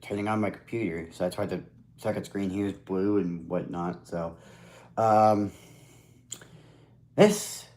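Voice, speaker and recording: A man's voice: low voice, steady tone, moderate pace, a little mellow. A man streaming from his computer at home, chatting casually in a rambling, hesitant way with blunt swearing. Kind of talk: casual live stream chat.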